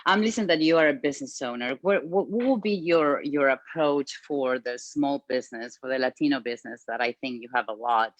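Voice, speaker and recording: A woman's voice: very deep voice, a little fast, few pauses, no room sound. A woman calling in by phone while driving, asking a hesitant question over a car speakerphone line with many fillers and restarts. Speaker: caller asking a candidate a question. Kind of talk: halting call-in question. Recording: muffled dry phone line.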